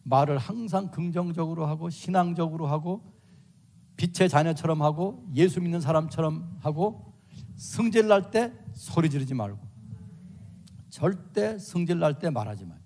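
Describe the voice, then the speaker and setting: An older man preaching a sermon, repeating phrases for emphasis, acting out family arguments and dropping to soft, quiet tones. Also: a little high, animated, normal speed, vocal fry. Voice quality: shouts out loud in acted quotes.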